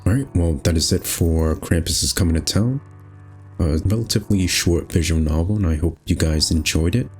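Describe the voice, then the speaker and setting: Soft music lies beneath a very low-pitched male voice as the host narrates a horror visual novel playthrough. He reads the story aloud in measured, dramatic phrasing, an expressive take on scripted narration.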